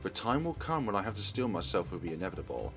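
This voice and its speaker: Talking fast and very animated, a fairly low-voiced let's play host performs visual novel text dramatically. He voices the narration and dialogue in character, switching between roles over soft game music.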